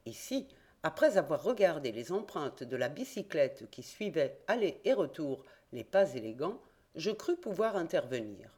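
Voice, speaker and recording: A woman reading a classic detective novel aloud as audiobook narration. Her voice sits a little low, with a lively, expressive intonation that moves a lot. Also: moderate pace, slightly rough.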